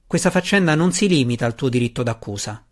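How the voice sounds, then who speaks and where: A man reading the part of a mocking dark elf matron in an audiobook, relaxed and faintly amused. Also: medium pitch, fast, close to an everyday voice. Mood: smug. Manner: amused and relaxed, half laughing.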